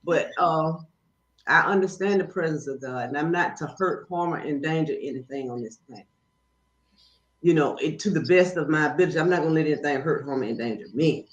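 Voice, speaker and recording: Animated, preachy woman in a roomy, dull room. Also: deep voice, a little fast. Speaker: guest. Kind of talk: casual spiritual conversation. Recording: roomy, dull, faint noise.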